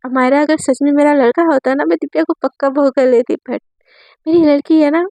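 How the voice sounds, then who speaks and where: A woman's voice: sits high, fairly even intonation, brisk, warm tone, dry recording. A woman voicing a middle-aged mother in a spoken story who scolds lightly but speaks with affection. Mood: fond.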